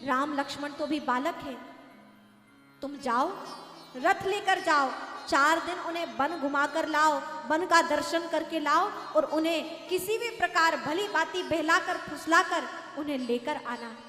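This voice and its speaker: A woman's voice: high voice, a little slow, pushed and bright. A woman preaching a katha voices an old king who urgently pleads with and commands his minister, in an echoey hall with faint music. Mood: pleading.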